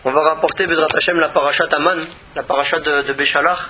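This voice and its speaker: A man's voice: fairly high pitch, steady tone, quick pace, crowd noise. A man giving a religious Torah lesson in an earnest manner, often repeating words as he searches for the next one. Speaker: rabbi teaching Torah.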